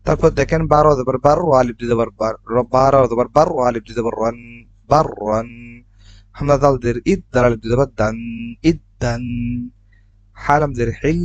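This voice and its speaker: A man teaching Quran reading, spelling out letters and vowel marks one by one and then blending the syllables slowly. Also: medium pitch, dull audio. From Bangladesh. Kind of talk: step-by-step recitation lesson.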